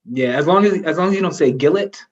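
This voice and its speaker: A man's voice: on the high side, quick pace. Brief: easygoing male guest on a live video chat, muffled audio. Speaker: guest, former gym member. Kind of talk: casual live-stream interview.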